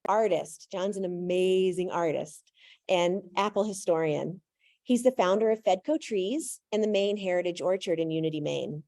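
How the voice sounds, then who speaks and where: A woman's voice: lowish voice, mellow, dry recording. A woman hosting a live event, introducing a speaker in a projected, coach-like voice without a microphone. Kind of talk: spoken introduction to a live audience. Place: room with a live audience.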